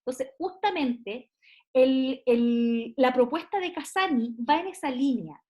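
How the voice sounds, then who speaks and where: Woman teaching a class over a video call, high voice, lots of "eh" and "cierto". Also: lively intonation, slow pace, a little mellow. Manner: frequent fillers and tag questions. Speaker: university lecturer. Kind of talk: online class lecture.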